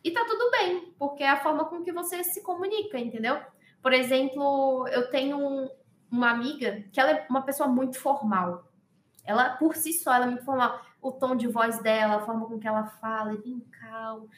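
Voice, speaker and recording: A woman with a high voice explains things in a relaxed, casual conversation. She talks in a very expressive, animated way. Her voice rings in an echoey room. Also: a little fast.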